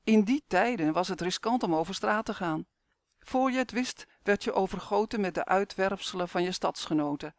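A man's voice: high voice, lively intonation, moderate pace, dry recording. A man reading the lines of a patient mother who explains history to her children. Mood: explaining.

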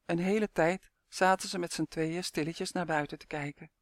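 A man narrates a storybook in a steady, gentle reading voice. His voice sits a little high for a man, and the recording is close and dry. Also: moderate pace, no echo.

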